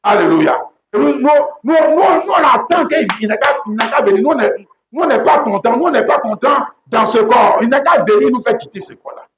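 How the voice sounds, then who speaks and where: A man preaching a sermon as pastor, emphatic and repetitive, often breaking into shouts. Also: very high-pitched, animated, a little fast, a little hiss or hum. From Côte d'Ivoire. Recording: echoey room.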